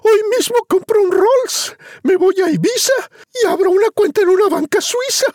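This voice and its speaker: Storybook mother, shrill and furious, voiced by a man, swooping, dry close sound. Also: very animated, normal speed, a little mellow, no echo. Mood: shrieking. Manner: shrieking, scolding.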